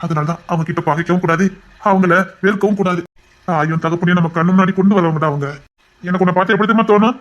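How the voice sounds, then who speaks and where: A soft-hearted older brother, played by a man with a Tirunelveli Tamil accent. He talks quickly and soothingly, his voice catching with feeling. This is a family TV serial scene. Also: high voice, fairly even intonation, lo-fi sound, close to an everyday voice. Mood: consoling. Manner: gentle, consoling, choked with emotion. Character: tender older brother, a police officer. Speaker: actor in a TV serial. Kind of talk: TV serial acting.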